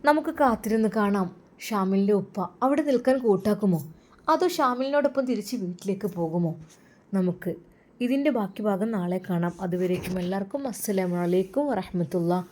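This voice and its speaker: A woman's voice: medium pitch, a little fast. A woman with a Malabar Malayalam accent narrating a family story in a dramatic, casual storytelling manner. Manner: dramatic, warm storytelling with religious greetings.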